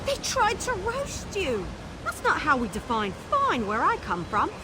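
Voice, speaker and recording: A woman's voice: high voice, huge pitch swings, a little slow, noisy background, exaggerated voice. An actress playing a cheerful, teasing female wood elf companion in a video game. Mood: chipper. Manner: chipper, teasing. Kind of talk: game voice acting.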